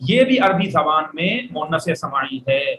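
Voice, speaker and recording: A man's voice: fairly high pitch, lively intonation, measured pace, fairly bright tone. A man teaching Arabic vocabulary in a classroom lecture. He drills words and has his students repeat them after him. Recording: echoey room, faint background noise.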